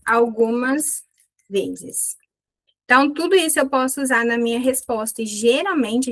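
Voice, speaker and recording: Chatty woman teaching English slowly. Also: a little high, rough recording. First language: Portuguese. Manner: chatty, explains slowly and repeats English phrases. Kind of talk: live online English lesson.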